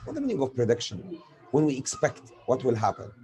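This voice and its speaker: A man with an Egyptian accent, whose native language is Arabic, gives a grammar lesson with examples, questioning and answering himself. His mid-range voice has a dark tone, swoops wildly in pitch, and runs a little fast.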